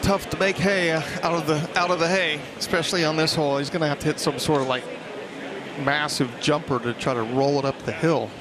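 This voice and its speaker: A man working as a golf commentator, giving conversational analysis in a halting, think-aloud way. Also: on the high side, fairly even intonation, a crowd in the background. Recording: clear outdoor background noise.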